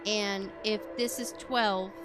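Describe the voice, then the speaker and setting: A woman of medium pitch and steady tone takes it slowly while casually chatting on a game stream. Background music plays as she rambles playfully, hums and scats to herself, and refers to her witchy voice.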